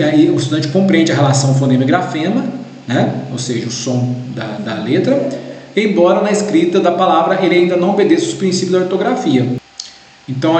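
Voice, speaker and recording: A man's voice: on the high side, a little mellow. A man with a Brazilian Portuguese accent, a teacher walking through a grading guide in an explanatory way, often checking in with his listeners. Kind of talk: recorded lesson walkthrough. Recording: echoey room with long reverb.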